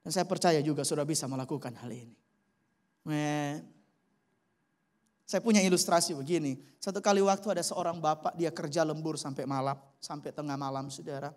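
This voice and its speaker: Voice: mid-range voice, steady tone, fairly quick, darkish tone. A pastor preaching a sermon and telling a story with animation, often addressing the congregation directly. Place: church service.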